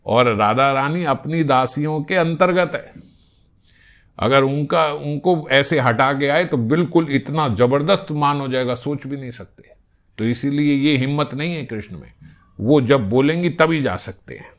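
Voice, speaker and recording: Man giving a devotional discourse. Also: mid-range voice. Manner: explanatory storytelling, slow verse recitation. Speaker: spiritual discourse speaker.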